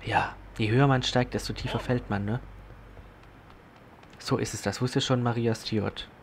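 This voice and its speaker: A man's voice: medium pitch, fairly even intonation, moderate pace, slight background noise. Chatty young man narrating his gameplay. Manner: chatty self-talk with sudden loud exclamations. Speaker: let's play host. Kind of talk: casual gameplay commentary.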